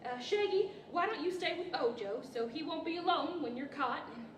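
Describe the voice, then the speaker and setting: High-voiced gallant scarecrow, acted by a woman. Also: animated, moderate pace. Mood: gallant, cautious. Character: Scarecrow, gallant, cautious male planner made of straw. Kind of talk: 1940s radio-style stage acting. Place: large indoor library event hall, live stage. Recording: echoey hall, distant mic, faint noise.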